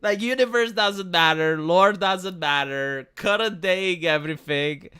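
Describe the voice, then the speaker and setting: A Romanian man chats casually on a livestream, rambling and cursing while he frequently stumbles and restarts. His high-pitched voice is unhurried, with a sharp, clean tone.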